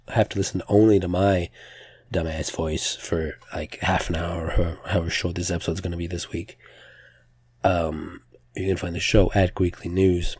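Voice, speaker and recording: A man's voice: low-pitched, a little mellow, slightly rough, no room sound. A man hosting a podcast solo with casual news commentary, hesitant and self-correcting, in a slightly strained, pressed voice. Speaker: podcast host.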